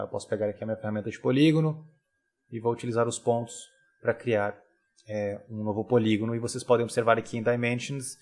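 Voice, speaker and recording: A man leads a casual screen-recorded software lesson. His voice sits at an ordinary middle pitch, close on a desktop mic. He keeps it relaxed and chatty, checking in with listeners through frequent tag questions. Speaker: software tutorial instructor.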